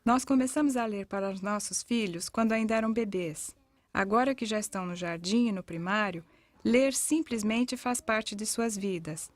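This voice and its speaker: This dry recording features a woman of medium pitch speaking at normal speed with a Brazilian accent. As narrator of an educational parenting video, she reads a scripted voice-over, including testimonials.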